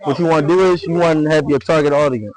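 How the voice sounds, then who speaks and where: A man's voice: fairly high pitch, fast, poor audio. A man in his late twenties from Philadelphia, a podcast host talking in a slangy, laid-back casual way. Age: 20s. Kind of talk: casual chat. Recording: very loud crowd around.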